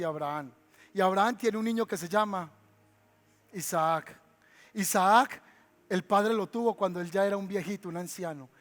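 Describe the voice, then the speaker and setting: A man with a Colombian accent preaches a sermon in a very high register. He drives his points home by repeating them and asking the congregation questions. His voice carries a long reverb from the church hall. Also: fairly bright tone. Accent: Colombian Spanish. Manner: emphatic preaching, repeats key lines, asks the congregation questions. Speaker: pastor.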